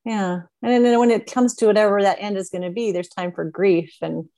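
A woman's voice: mid-range voice, fairly even intonation, a little fast, dark tone. A woman in her sixties hosting a podcast, talking in a chatty, reflective way with many fillers. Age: 60s. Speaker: podcast host. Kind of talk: casual interview chat.

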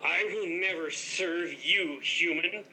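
A man's voice: sits high, takes it slowly, bright, forceful tone, a little hiss or hum, exaggerated voice, low-quality recording. A man playing a pompous headless ghost innkeeper. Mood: haughty. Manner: haughty, grandiose, condescending. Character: pompous headless male ghost hotel master. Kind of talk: improv comedy scene.

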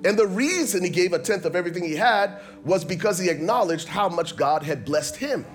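A man's voice: sits high, animated, brisk, soft background music. A man from Liberia, preaching a sermon as pastor, emphatic and rhythmic, often repeating phrases.

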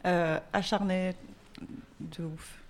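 A woman's voice: fairly low pitch, fairly even intonation, slow. A woman guest on a live podcast panel, talking in a laid-back, slangy way. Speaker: guest comic author. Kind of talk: casual panel chat. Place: live stage before an audience.

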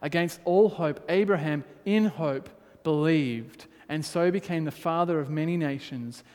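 Man, pastor, sermon, high-pitched voice, long church reverb. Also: measured pace, darkish tone. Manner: reads scripture aloud, then preaches with rising emphasis.

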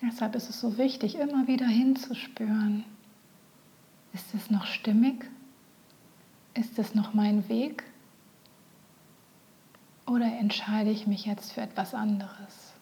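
A woman leading a guided meditation, speaking softly and often in a whisper. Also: mid-range voice, fairly even intonation, creaky. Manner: slow, soft, often whispered.

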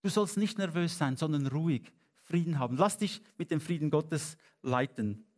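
A man preaching a sermon in German, earnest and pleading, with slow stressed phrases and lifts of emphasis. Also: fairly high pitch, animated, darkish tone. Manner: earnest, rising to emphatic peaks.

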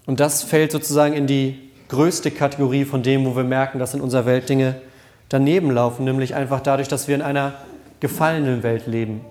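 A man's voice: mid-range voice, little pitch movement, a little fast, darkish tone. A pastor preaching a sermon at a church service, earnest and conversational, often repeating his phrases.

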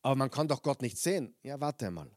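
A man preaching in a dry, close-sounding space, reading scripture aloud and lifting his voice for the spoken parts. He breaks off from the text to explain it to his listeners in a plain, mid-pitched voice. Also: brisk, dry recording. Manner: reads Bible passages aloud with lively emphasis, then breaks off to comment.

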